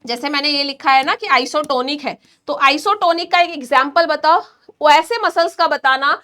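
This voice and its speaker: Nursing tutor, woman, high voice, explains step by step while demonstrating. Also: pushed and bright. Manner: asks the class questions, then answers them herself; explains slowly with hand demonstrations. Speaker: nursing exam teacher. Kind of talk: online class lecture.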